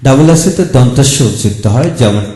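A man teaches pronunciation at an unhurried pace, saying each example word over and over. His voice is dark and mellow, and it rings in an echoey room. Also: mid-range voice, animated. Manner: slow, repeats each example word several times. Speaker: English teacher. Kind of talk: spoken pronunciation lesson.

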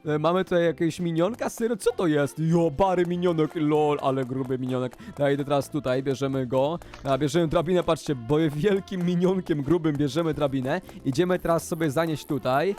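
A young man giving energetic, excited gameplay commentary as a video creator, often squealing with excitement. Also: a little high, fairly quick, hardly any pauses, soft background music.

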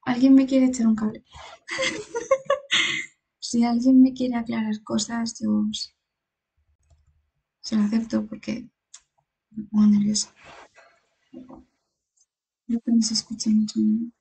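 A woman commentates a game live on stream, jumpy and nervous, repeating words over and over. Her voice sits high and a little breathy, and she talks slowly. She keeps exclaiming as she plays. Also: flat delivery, dark tone, rough recording.

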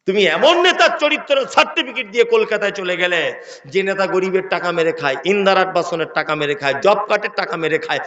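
High-voiced preacher in an echoey hall. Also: male voice, fairly quick, bright, forceful tone. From West Bengal, India. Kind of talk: Bengali waz sermon. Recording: echoey, dull sound system.

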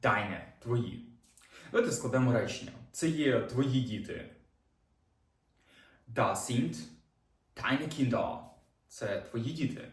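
A man's voice: medium pitch, animated, takes it slowly, pauses often, echoey room, distant mic. A man giving an online language lesson, explaining patiently step by step with small fillers. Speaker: German teacher.

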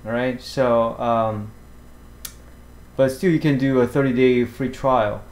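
A fishing vlogger narrates a screen-recorded walkthrough of fishing apps as a voice-over, speaking slowly and unhurriedly. His mid-range male voice is steady and slightly mellow, and he halts often, filling pauses with "uh" and "um" and restarting sentences.

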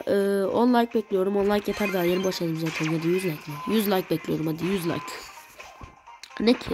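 A woman giving casual, excitable commentary while playing a mobile game for her channel, chatting to viewers and reacting loudly to the match. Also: medium pitch. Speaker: gaming channel host. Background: game music.

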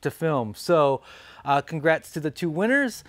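A man's voice: on the high side, big pitch swings, unhurried, dry recording. Chatty man, dry close sound. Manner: chatty, many fillers, standing and gesturing. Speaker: woodworking channel host. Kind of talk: casual talk to camera. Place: indoor studio with colored backdrop.

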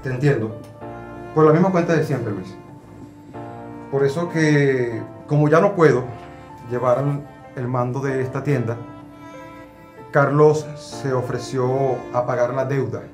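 An apologetic, earnest male store owner, acted by a man in a scripted web drama. His voice is mid-pitched, with faint music behind it. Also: unhurried, pauses often, darkish tone, natural voice. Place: indoor clothing store.

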